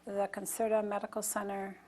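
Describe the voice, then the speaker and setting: A woman testifying as a nurse expert witness, answering in a halting, matter-of-fact way. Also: mid-range voice, monotone, a little mellow. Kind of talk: deposition testimony. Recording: faint room noise.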